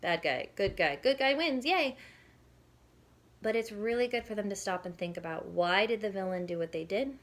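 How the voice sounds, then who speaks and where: Animated and speaking at a moderate pace in a medium-pitched voice, a parenting educator offers a casual instructional talk. She explains as she goes and demonstrates example questions.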